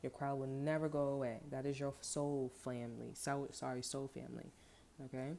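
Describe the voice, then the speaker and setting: Low-voiced woman reading tarot cards. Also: level tone, moderate pace, creaky, warm tone, slight background noise. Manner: rambling, peppered with okay and like. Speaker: tarot reader.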